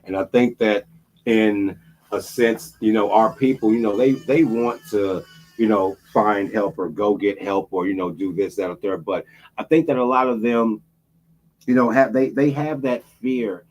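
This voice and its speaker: A man's voice: fairly low pitch, measured pace, a little mellow. A man hosting a casual interview, rambling with many fillers, his speech slightly muffled from dental work. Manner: rambling, heavy on "you know" fillers. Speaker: interview host.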